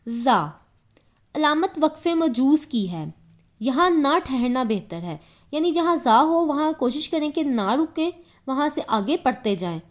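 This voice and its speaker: A woman's voice: high voice, big pitch swings. A woman with a Pakistani Urdu accent giving an explanatory Quran lesson, patiently repeating each point in simpler words. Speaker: Quran teacher.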